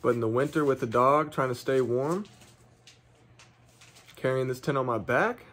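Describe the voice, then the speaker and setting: A young man casually walking through his camping gear in a home basement, talking to a handheld phone camera in a relaxed, chatty way. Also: medium pitch, normal speed. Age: young adult. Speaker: outdoor gear vlogger. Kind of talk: casual vlog walkthrough. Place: home basement room, indoors. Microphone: phone camera held close.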